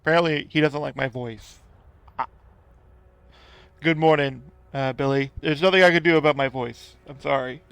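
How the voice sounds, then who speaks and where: Gravelly man rambling on a gaming stream. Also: a little high, moderate pace, pauses often, a bit bright, no room sound. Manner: rambling, laughs often, talks to chat viewers. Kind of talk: casual live-stream chat while gaming.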